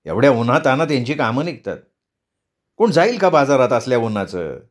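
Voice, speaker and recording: A man's voice: mid-range voice, very animated, a little fast, close to an everyday voice. A man voicing an impatient grown son who scolds his mother, in a read-aloud story. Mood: scolding. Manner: scolding, nagging.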